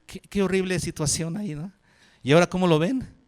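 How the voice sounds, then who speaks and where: A man preaching as pastor, asking questions and answering them himself, dropping low and soft on key phrases. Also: fairly quick. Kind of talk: sermon. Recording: long hall reverb.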